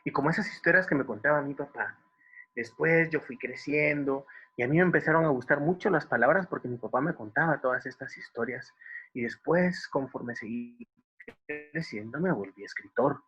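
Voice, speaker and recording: A Guatemalan storyteller with a bright, husky voice talks softly and playfully to children, asking them questions and repeating words for effect. The sound is dull and lo-fi, like an online stream from a video call. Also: male voice, mid-range voice, normal speed. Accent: Guatemalan Spanish. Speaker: writer telling stories to children.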